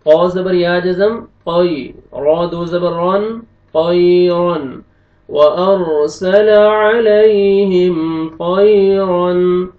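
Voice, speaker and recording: Male tajweed teacher, Pakistani accent, high and gravelly; slow chanting; distant, echoey, lo-fi recording. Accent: Pakistani Urdu. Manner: slow drawn-out chanting of verses between brisk explanations. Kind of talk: spelled-out recitation lesson. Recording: dull lo-fi room echo from a distance.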